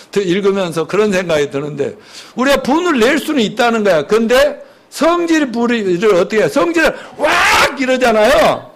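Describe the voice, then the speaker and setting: A man with a notably high voice preaches in church with plenty of animation. He quizzes the congregation with quick questions and acts out the angry outbursts he warns against. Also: a bit bright. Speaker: pastor. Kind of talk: sermon.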